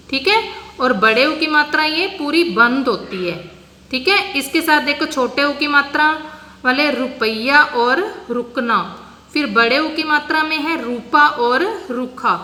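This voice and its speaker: A woman teacher talks young pupils through a lesson, slowing down to spell out each word patiently. Her voice sits high and bright. The room is roomy and echoing, with a long reverb tail. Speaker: primary school teacher. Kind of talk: teaching a recorded class lesson.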